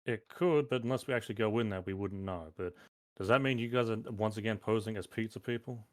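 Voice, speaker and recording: Male gamer, lower-pitched, dry sound, exasperated and pointed casual banter. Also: a little fast, no echo. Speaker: tabletop game player. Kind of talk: casual game chat.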